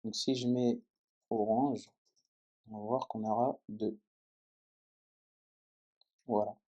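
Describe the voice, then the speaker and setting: A man's voice: lowish voice, little pitch movement, slow, dark tone, dull audio. A man teaching a coding lesson in French as he types, explaining each step and often checking in with the viewer. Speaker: programming tutor. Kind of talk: screen-recorded coding tutorial.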